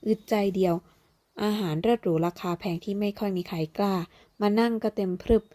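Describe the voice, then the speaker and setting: A woman narrating a fantasy novel aloud, slowing down as she voices the characters. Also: mid-range voice, warm tone. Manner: voices characters with slow, deliberate delivery. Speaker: audiobook narrator. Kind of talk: dramatic novel reading.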